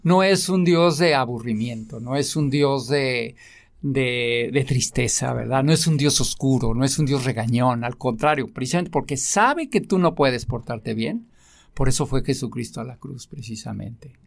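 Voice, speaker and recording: A man's voice: medium pitch, normal speed, vocal fry. A man with a Mexican accent, talking casually and earnestly about his faith, rambling with many fillers and tag questions. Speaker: guest sharing his faith.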